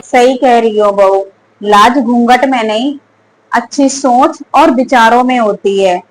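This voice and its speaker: A woman's voice: high-pitched, normal speed, faint music behind, lightly acted, low-quality recording. Woman playing a strict village mother-in-law. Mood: gentle. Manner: scolding, sharp rebukes. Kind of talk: family skit acting.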